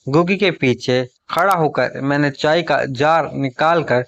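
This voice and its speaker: A man narrates a scripted first-person story at a deliberately slow pace. His voice sits a little above the usual male range, and he delivers each phrase in a measured, even way. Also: a little high, vocal fry, highs cut off.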